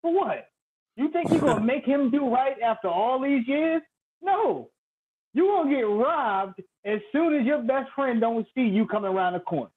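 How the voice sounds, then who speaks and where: A man calling in over a crackly, staticky phone line, talking in an animated, playful, trash-talking way. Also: extremely high pitch, moderate pace. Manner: animated, loud and playful, vivid street storytelling. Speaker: guest predicting a boxing fight. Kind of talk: casual trash-talking chat. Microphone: cheap phone.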